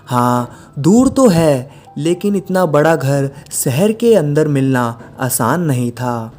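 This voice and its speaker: A man's voice: a little high, takes it slowly, faint music behind. A man doing a cheerful, coaxing father. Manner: coaxing, relaxed. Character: cheerful easygoing father of two.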